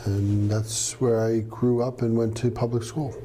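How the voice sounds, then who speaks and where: A middle-aged man from New Hampshire, a radio professor answering interview questions in a relaxed, storytelling way with some fillers. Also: medium pitch, measured pace, a little hiss or hum. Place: studio with green screen.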